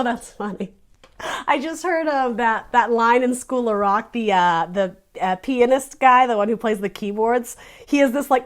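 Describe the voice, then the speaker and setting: A woman with a somewhat high voice talks straight to her viewers through a casual tarot reading. She is chatty and animated, breaks off mid-sentence to chase side thoughts, and laughs easily as she goes. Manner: chatty and animated, with frequent restarts and asides; laughs often while talking. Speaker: tarot reader.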